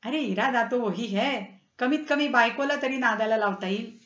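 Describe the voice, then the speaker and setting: A woman's voice: a little high, normal speed, a bit bright, close to an everyday voice. A woman voicing a witty middle-aged husband who teases in a mock-grand way, in a slightly dull, roomy recording. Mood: teasing. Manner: playful, mock-grand teasing.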